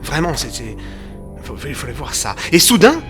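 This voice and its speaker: An actor voicing Doctor Watson, who narrates a period mystery audio drama with lively, rising and falling intonation and a slightly raised pitch. He builds the tension line by line. Music plays clearly underneath. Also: moderate pace.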